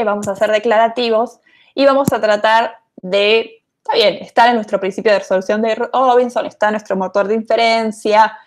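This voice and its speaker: A woman lecturing on programming online, her voice sitting a little high for a woman. She talks loosely and thinks aloud, scattering fillers as she explains. It sounds like a casual remote class over a computer mic.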